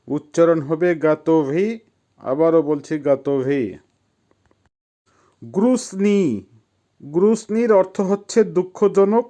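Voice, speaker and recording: Slow, methodical male language teacher. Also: fairly high pitch, warm tone. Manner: methodical and repetitive, each word said twice. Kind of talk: slow vocabulary lesson with repeated pronunciations.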